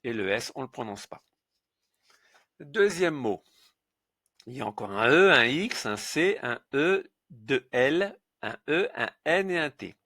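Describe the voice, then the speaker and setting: A man's voice: medium pitch, sing-song, a little slow, pauses often, bright, forceful tone, no room sound. Man, pronunciation teacher, patient, spells sounds letter by letter, dry close sound. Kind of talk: slow instructional lesson.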